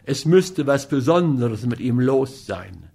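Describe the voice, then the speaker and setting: A man's voice: mid-range voice, big pitch swings, slow pace, gravelly, dark tone, husky, heavily acted. A man doing a wary, sly gambler. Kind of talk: audiobook character voice.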